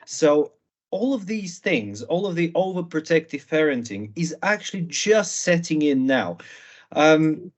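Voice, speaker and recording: A man in his late twenties from Bulgaria, interviewing an author in a relaxed, halting way with many fillers. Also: a little high, highs cut off. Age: late 20s. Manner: hesitant, many fillers and restarts. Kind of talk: conversational interview.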